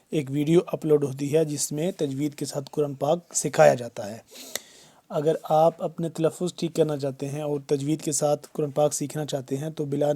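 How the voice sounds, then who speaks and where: A man teaching tajweed. He recites verses slowly and loudly, then explains each rule in a quicker, quieter voice. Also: fairly high pitch. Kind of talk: slow, word-by-word recitation lesson.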